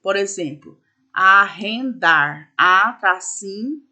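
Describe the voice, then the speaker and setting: A woman's voice: medium pitch, moderate pace, pushed and bright. A woman teacher patiently explaining a school lesson step by step, with frequent fillers. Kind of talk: recorded classroom lesson.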